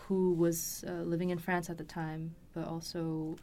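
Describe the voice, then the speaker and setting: In a recording studio, a Los Angeles woman in her 20s is interviewed as a guest and haltingly assembles a personal story. Her lowish, dark voice stays flat at a measured pace, with a little hiss or hum audible.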